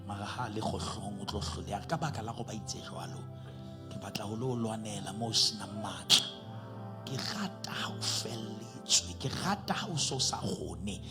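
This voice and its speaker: A man preaching a Pentecostal sermon as a bishop into a pulpit microphone, dropping to hushed whispers and rising to shouted climaxes, and mixing in English phrases. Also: fairly low pitch, expressive, moderate pace, music in the background. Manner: mixes English phrases into his own language mid-sentence.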